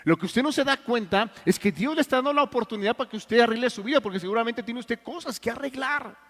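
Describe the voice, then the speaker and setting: A man preaching a sermon in Mexican Spanish, telling stories earnestly and swinging between loud and hushed. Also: extremely high pitch, expressive, quick pace. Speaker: pastor. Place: church hall. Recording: long church reverb.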